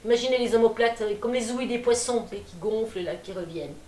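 A middle-aged woman leading a gentle seated exercise class from her attic room at home, with calm, encouraging and folksy cues. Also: a little high, a little fast, a little hiss or hum. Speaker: gentle gym instructor. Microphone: far camera. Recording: echoey room from far off.

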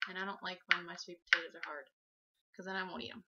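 A twentysomething woman, a fitness vlogger, explains a demonstration in her home kitchen in a chatty, practical casual how-to, moving as she talks. Her voice is lowish and level, delivered at a quick pace. Heavy background noise and dull lo-fi sound come from a camera mic across the room.

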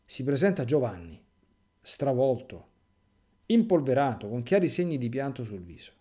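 Priest narrating in a mellow voice. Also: male voice, medium pitch, moderate pace. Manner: expressive storytelling, asides to listeners. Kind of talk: catechesis reading with commentary.

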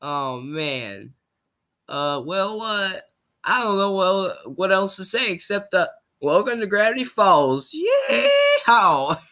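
A man voicing a loud, cranky old hillbilly man with a Southern US accent. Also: high-pitched, very animated, slow, pitched above the performer's own voice, exaggerated voice. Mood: hollering.

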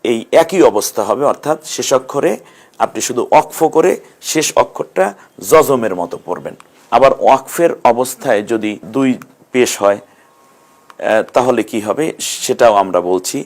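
A man's voice: medium pitch, expressive, normal speed, pauses often, a little mellow. A man teaching Quran recitation rules in an online lesson, explaining patiently and chanting short verse examples.

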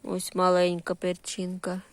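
A woman gives an unscripted garden tour, walking through her vegetable patch and greenhouse and speaking in short, homely phrases with lots of diminutives. Her accent is Ukrainian, with Russian-influenced surzhyk words. The voice is on the low side, completely flat and a little slow, in a dry recording.

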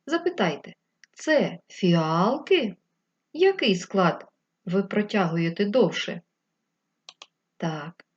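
A woman teacher giving a remote lesson to first graders, talking slowly and clearly to the children. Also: fairly low pitch, muffled recording. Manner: slow, clear dictation addressed to children. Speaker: primary school teacher.

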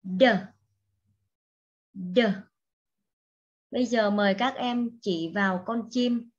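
A woman teaching an English lesson to young children, speaking slowly and patiently and repeating each word for the class to echo. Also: medium pitch, dull audio. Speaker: primary school English teacher.

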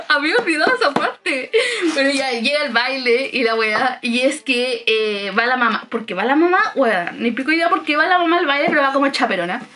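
Chilean girl rambling about a movie, high pitched, lots of slang and laughs. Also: expressive, fairly quick, bright, forceful tone, faint music behind. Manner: slangy, chatty, laughs often, acts out lines. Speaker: vlogger. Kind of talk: casual film review chat.

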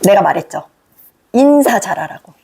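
Woman teacher, middle-aged, lively swooping pitch, raspy gravelly edge, emphatic scolding lecture. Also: normal speed. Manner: emphatic, scolding, rhetorical questions to students. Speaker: teacher giving advice to students. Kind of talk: direct lecture to the camera.

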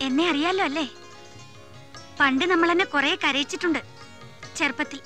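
A woman's voice: high-pitched, normal speed, bright, forceful tone, faint music behind. A young actress playing a cheeky female guest who teases in a mock-formal way in a 1980s film. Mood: teasing. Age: young adult. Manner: playful, mock-formal teasing.

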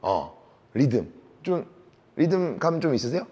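Lively, teasing male table tennis coach. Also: a little high, measured pace. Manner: encouraging, repeats short praise, counts rhythm aloud, teasing. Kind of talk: on-court lesson, coaching a student.

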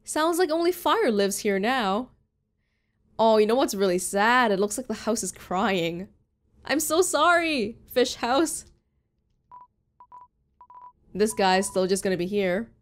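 A young woman giving chatty, giggly commentary while playing a video game. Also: medium pitch. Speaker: let's play host. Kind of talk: casual gameplay commentary.

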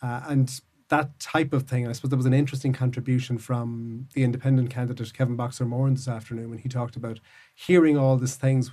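An Irish man, a political correspondent, giving measured, hedging analysis in a news podcast. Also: medium pitch, dark tone. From Ireland. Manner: measured, hedging, thinks aloud.

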